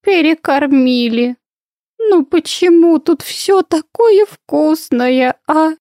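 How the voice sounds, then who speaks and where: A woman voicing a greedy, playful female guinea pig in a squeaky, giggly, flirty voice. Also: lively intonation, slow, warm tone, no room sound, clean studio sound. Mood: lazy.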